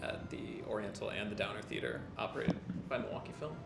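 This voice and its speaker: A man's voice: fairly low pitch, big pitch swings, fast talker, vocal fry, reverberant, over loud music. A man in his mid twenties, a projectionist, talking casually and earnestly in a documentary interview with some uh fillers. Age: 20s.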